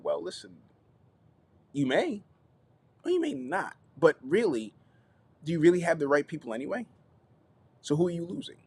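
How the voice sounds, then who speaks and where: A man hosting a live teaching stream on content creation, lively, repeating himself and checking in with viewers. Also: a little high, slightly rough, no echo. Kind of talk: YouTube live teaching session.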